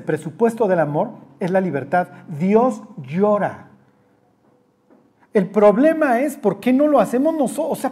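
Joking teacher, mellow tone. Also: mid-range voice. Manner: joking, teasing, quizzes the class; acts out quoted voices. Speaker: Bible study teacher. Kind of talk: interactive Bible class. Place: classroom with a group.

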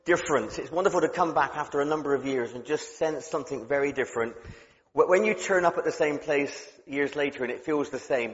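A middle-aged man with a West Country accent preaching a chatty, humorous sermon as a guest speaker, often restarting his words. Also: mid-range voice. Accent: West Country English. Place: church. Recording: dull sound with long hall reverb.

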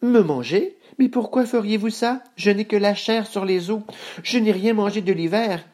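A man voicing the middle billy goat brother, calm, assured and persuasive. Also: high-pitched, normal speed, pitched above the performer's own voice, close to an everyday voice.

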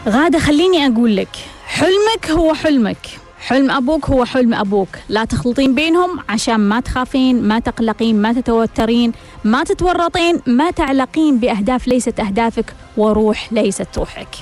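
A woman's voice: fairly high pitch, animated, brisk, darkish tone, soft background music. A woman hosting a self-help radio talk, asking rhetorical questions and repeating them for emphasis. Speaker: radio host.

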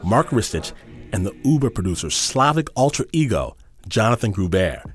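A man's voice: fairly low pitch, sing-song, normal speed, breathy edge, no room sound, studio quality. A man hosting a radio show, delivering an upbeat, enthusiastic outro. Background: music.

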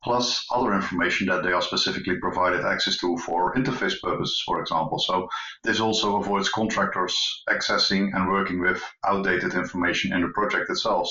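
A man with a very deep voice explains things in a matter-of-fact way on a business podcast. The recording is roomy and muffled. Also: steady tone, brisk, pushed and bright. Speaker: industry consultant guest. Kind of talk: podcast discussion.

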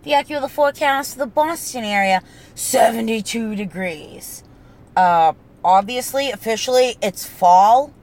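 A woman's voice: on the high side, a little slow, darkish tone. A woman with a New England accent who drops the G at word endings, rambling casually as a solo podcast host in a sweary, self-mocking way. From New England, United States.

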